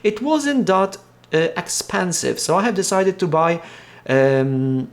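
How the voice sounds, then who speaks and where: A Polish man, whose first language is Polish and who has a Polish accent, talks casually in an unboxing vlog, halting often with many fillers and restarts. His voice is high and expressive.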